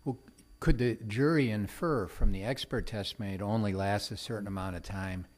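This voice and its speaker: A male appellate judge speaks from the bench. His voice is fairly low, and he puts legal questions in a courtroom setting. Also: brisk.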